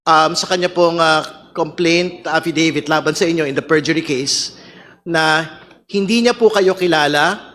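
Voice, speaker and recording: A man with a Filipino accent and a fairly high voice. He questions formally as a congressman in a hearing, choosing his words deliberately and often halting between them. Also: fairly bright tone. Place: legislative hearing room, over microphone.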